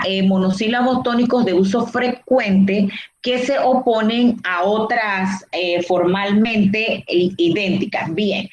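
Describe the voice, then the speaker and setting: A woman teacher giving a virtual grammar lesson, explaining slowly and deliberately, with many fillers and self-corrections. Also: mid-range voice. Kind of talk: online Spanish grammar lesson. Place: home room, recorded for a virtual class. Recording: dull, roomy online class audio.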